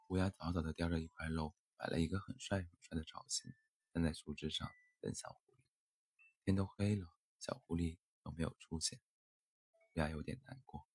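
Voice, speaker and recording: A man narrating a gentle bedtime-style story in a soft, tender manner. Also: sits low, slightly rough, no echo. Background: faint music.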